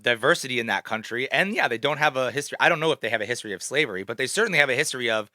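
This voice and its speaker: Bright-voiced man thinking aloud on a podcast. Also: mid-range voice, lively intonation, very fast, dry recording, studio quality. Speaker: podcast co-host. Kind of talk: casual podcast chat.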